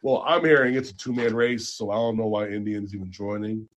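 A man co-hosting a podcast, chatting casually about basketball transfers with animated jumps in excitement. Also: lowish voice, quick pace. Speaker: podcast co-host. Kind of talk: casual sports chat.

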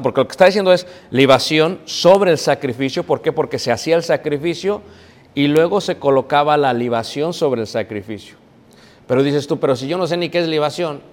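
A man preaching a teaching sermon, explaining step by step with frequent fillers. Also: fairly high pitch. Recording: echoey hall with long reverb.

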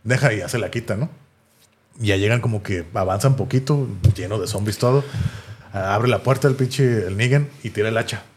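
A man's voice: on the low side, a little fast, darkish tone, a little hiss or hum. A young man with a Mexican accent, co-hosting a casual chat and retelling a series, acting out the characters' lines. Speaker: podcast co-host.

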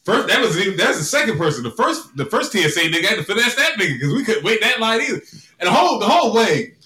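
A man telling a story in casual chat, animated, loud and profane. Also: sits high, quick pace. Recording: echoey room.

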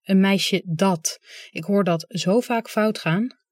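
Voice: medium pitch, a little slow, dry recording, lightly acted. An audiobook reader voicing a frank young adult sister who talks in a dry, matter-of-fact way. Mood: correcting.

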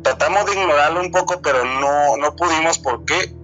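A man in his twenties with a Mexican accent, telling a true encounter in a halting, repetitive way, often restarting his words. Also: a little high, sharp tone, highs cut off, faint music behind. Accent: Mexican Spanish. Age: 20s. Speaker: storyteller sharing a true encounter. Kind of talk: casual spoken testimony.

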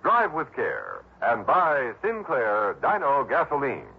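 A man reading scripted announcements and ads as a 1960s radio announcer, with a husky voice. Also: medium pitch, huge pitch swings, takes it slowly. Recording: muffled old radio broadcast.

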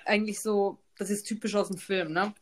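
A woman podcast co-host telling a personal story in casual chat, tagging her sentences with quick questions to her partner. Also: medium pitch, steady tone. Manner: chatty, peppers talk with "ne?" tag questions.

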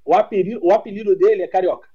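High-voiced Brazilian man on a dull line. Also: rapid-fire, slightly rough. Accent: Brazilian Portuguese. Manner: blunt, swearing, animated storyteller. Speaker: podcast guest. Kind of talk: casual chat.

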